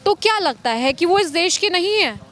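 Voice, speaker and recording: Very high, bright-voiced woman reporter. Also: expressive, moderate pace. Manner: probing questions, frequent hums of assent. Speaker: street reporter. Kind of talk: street interview reporting. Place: outdoors on a city street.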